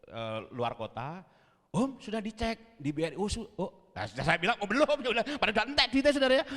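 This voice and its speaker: A man with a Javanese accent preaching a sermon as pastor, telling a story and acting out scenes with sound words. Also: sits high. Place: church hall. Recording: long reverb of a church hall.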